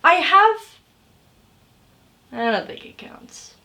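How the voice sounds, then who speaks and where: A woman's voice: high-pitched, very animated, slow pace, bright, forceful tone. A young woman, a cast member, chatting casually in a group with lots of giggling and playful rambling.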